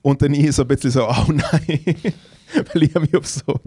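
A young Swiss man with a Swiss German accent, a comedian co-hosting a podcast, who tells stories in a relaxed way and adds dry remarks. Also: medium pitch, a little fast, slightly rough, dry recording. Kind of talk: casual chat.

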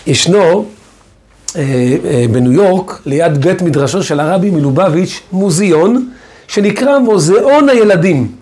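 A man's voice: high-pitched, animated, darkish tone. A man, a rabbi, teaching a religious lesson in a storytelling way, often stressing words by repeating them. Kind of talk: Torah lesson.

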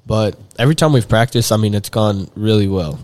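A young Texan guest on a podcast chats casually, rambling along with many fillers and false starts. His voice is on the low side and darkish, he talks fairly quickly, and there's no echo.

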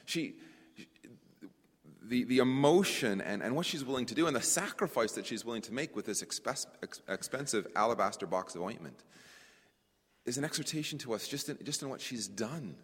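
A man preaching a conference sermon to brothers and sisters, animated, often repeating words as he searches for the phrasing. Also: mid-range voice, moderate pace, husky. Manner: addresses listeners as brothers and sisters. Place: conference hall. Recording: long hall reverb.

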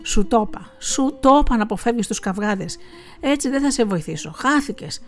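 Lady doing a wise old granny from a folk tale, scolding, pitches up high when she warns. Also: lively intonation, faint music behind, natural voice. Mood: urgent warning. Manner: urgent, warning, motherly. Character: wise scolding old woman, poor and kind.

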